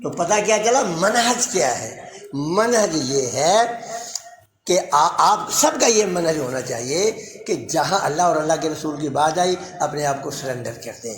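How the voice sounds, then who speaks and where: A man preaching a Friday sermon, his voice pitched high and carrying. He animates the stories with quoted speech and slows into Quranic recitation. The sound bounces around a reverberant mosque hall. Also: lively intonation. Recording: echoey room.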